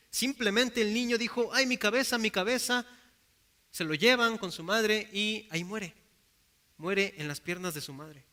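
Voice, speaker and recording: A man's voice: high-pitched, sharp tone. A man with a Mexican Spanish accent preaching a sermon in an earnest way, acting out the people in his Bible stories.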